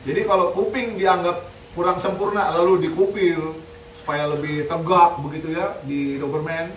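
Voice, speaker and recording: A man's voice: a little high, steady tone, moderate pace, a bit bright. A man chatting casually, giving blunt, joking advice on dog training and care. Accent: Indonesian. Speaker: dog rescue activist. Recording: roomy, distant mic, faint noise.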